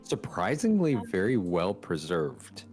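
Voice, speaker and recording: Young male game master, low unhurried voice, halting casual narration. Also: faint music behind. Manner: relaxed, halting narration with many ums. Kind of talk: narrating a tabletop game on stream.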